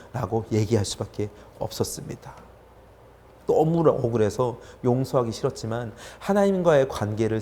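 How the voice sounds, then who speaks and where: Lively young male youth preacher. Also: medium pitch, a little hiss or hum. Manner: animated storytelling, acting out his own quoted words. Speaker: youth pastor. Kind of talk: sermon.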